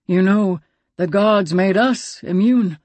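A woman voicing a grave, slow-spoken old man. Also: medium pitch, darkish tone, no echo. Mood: solemn. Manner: solemn, slow and measured.

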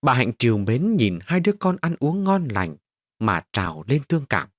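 A male storyteller giving a dramatic, expressive scripted narration of a village tale. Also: medium pitch, normal speed, no echo, studio quality.

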